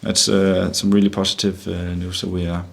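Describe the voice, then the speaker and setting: This football manager, a middle-aged man from Denmark with a Danish accent, takes press conference questions in a low, monotone voice with vocal fry at normal speed. He frequently starts over and repeats words as he gropes for his phrasing.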